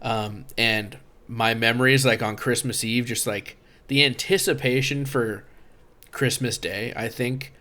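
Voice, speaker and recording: A man's voice: mid-range voice, steady tone, sharp tone. A man co-hosting a podcast in casual chat, talking loosely and filling his sentences with "like". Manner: chatty, full of "like" and quick interjections. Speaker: podcast co-host.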